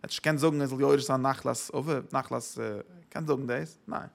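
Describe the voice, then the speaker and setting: A man's voice: mid-range voice, fairly even intonation, a little fast, gravelly. A man giving a Torah lecture, asking rhetorical questions and answering them, with English words mixed in.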